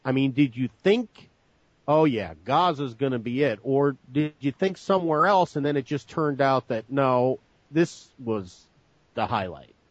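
Talk show host with a dry, muffled sound. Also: male voice, medium pitch, animated, a little slow, no room sound. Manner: rambling, self-correcting questions. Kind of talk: casual interview talk.

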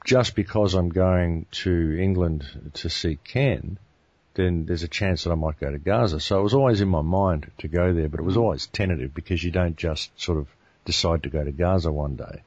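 An Australian man, a guest on a talk show, telling a long travel story in a relaxed, rambling way with frequent restarts. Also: low voice, normal speed, husky, dry recording, dull audio. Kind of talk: casual interview talk.

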